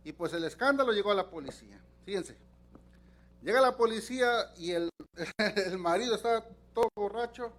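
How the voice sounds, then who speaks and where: High-voiced animated preacher. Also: male voice, normal speed. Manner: animated storytelling, acts out voices, repeats words. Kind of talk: sermon.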